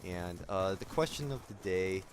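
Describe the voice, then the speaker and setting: A young man talking in a casual vlog, subdued and somber, halting with many fillers and restarts. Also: deep voice, expressive, a little hiss or hum. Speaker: gaming YouTuber.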